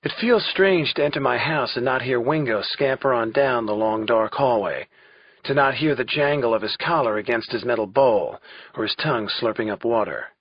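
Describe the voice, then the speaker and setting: Husky male thriller narrator. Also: medium pitch. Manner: wry, conversational first-person telling. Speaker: audiobook narrator. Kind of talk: first-person thriller narration. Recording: dull lo-fi recording.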